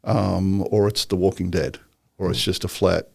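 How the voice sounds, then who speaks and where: Deep gravelly man, rambling talk. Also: steady tone, moderate pace, no room sound, clean studio sound. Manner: rambling, filler-heavy, joking. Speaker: guest entrepreneur. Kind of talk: casual interview chat.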